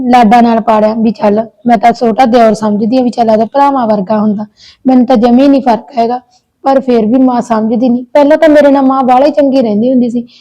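A woman's voice: fairly high pitch, warm tone, dull audio, close to an everyday voice. A woman playing a childless elder daughter-in-law who pours out her worries in earnest, pleading runs in a village short film. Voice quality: earnest, pleading, talks in long complaining runs. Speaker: elder sister-in-law in a family drama. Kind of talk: village short-film acting, heartfelt chat.

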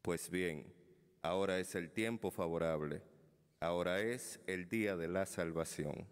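Male lector, low smooth voice, solemn scripture reading. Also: measured pace. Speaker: lector at Mass. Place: church, at the lectern. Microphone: gooseneck lectern microphone, speaking through face mask. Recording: reverberant church sound.

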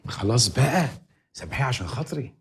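An actor playing a scheming, persuasive fixer in a comedy series, talking fast and conspiratorially. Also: male voice, medium pitch, animated, natural voice. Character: scheming fast-talking fixer, always smoothing over trouble. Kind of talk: TV comedy drama acting.

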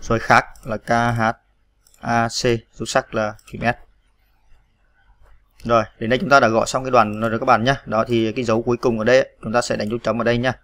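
A man's voice: mid-range voice, level tone, fairly quick, a bit bright. A man narrating a screen-recorded typing tutorial, patiently spelling out letters one by one with many fillers.

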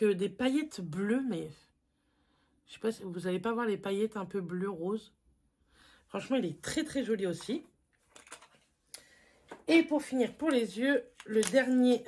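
A woman's voice: fairly high pitch, slight background noise. A woman beauty vlogger talking casually through a makeup haul at home, chatty and self-mocking, with lots of fillers.

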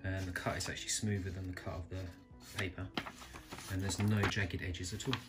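Man, very low voice, casual product review, thinks aloud, music underneath. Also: flat delivery. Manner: thinking aloud, self-correcting, unhurried. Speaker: knife reviewer. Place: indoors at a table, filming hands close up.

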